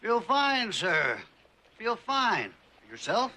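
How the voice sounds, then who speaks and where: High, husky, fawning storekeeper. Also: male voice, very animated, extremely slow, bright, forceful tone, full character voice. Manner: ingratiating, folksy. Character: fawning, over-friendly male general-store keeper. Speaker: actor in a TV western. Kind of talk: TV western drama acting.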